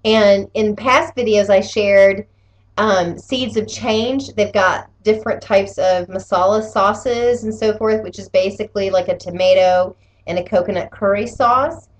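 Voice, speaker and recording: A woman's voice: mid-range voice, measured pace. A woman chatting casually in a personal update, rambling and often rephrasing herself as she goes. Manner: rambling, conversational, self-correcting. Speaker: vlogger giving weekly health challenge update. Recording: clear steady background room noise.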